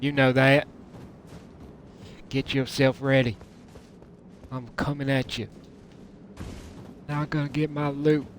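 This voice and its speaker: Here a man from the United Kingdom hams it up in an exaggerated Southern US, Texan accent, rambling and joking as he streams a game. He speaks in a mid-range, flat voice, slowly and with long pauses, over noisy game battle sounds.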